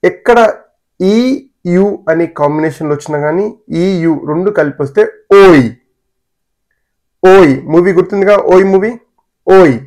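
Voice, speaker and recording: A man teaching a German language lesson, slowly repeating words for learners to copy. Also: high voice, warm tone.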